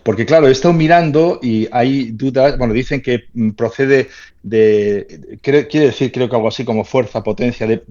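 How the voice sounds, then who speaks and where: A man's voice: mid-range voice, normal speed, dark tone, muffled recording. A man hosting an interview in a casual, hesitant way, with many fillers and restarts. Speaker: host.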